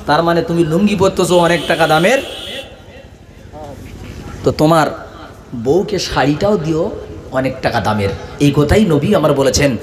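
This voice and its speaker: A hoarse male preacher giving a sermon, telling stories and breaking into melodic chant. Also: a little high, lively intonation, normal speed, pauses often, in a large hall. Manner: storytelling, voices quoted people, breaks into melodic chant. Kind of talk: Islamic sermon with chanted Arabic. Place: stage at a large religious gathering.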